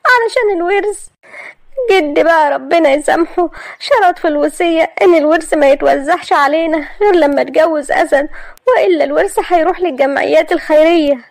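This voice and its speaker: A woman's voice: high-pitched, brisk, no echo, pitched above the performer's own voice. A woman with an Egyptian accent voicing a distraught young woman who pleads and protests tearfully against a forced marriage.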